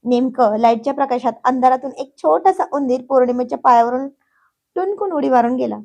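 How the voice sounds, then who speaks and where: A woman narrating a family story in a lively storytelling manner. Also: high-pitched, a little fast, gravelly.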